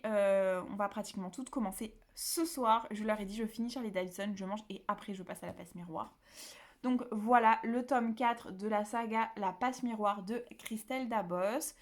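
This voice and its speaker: A woman's voice: on the high side, normal speed. A woman from the south of France chatting casually to camera about her books at home, rambling with many fillers and restarts. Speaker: book vlogger.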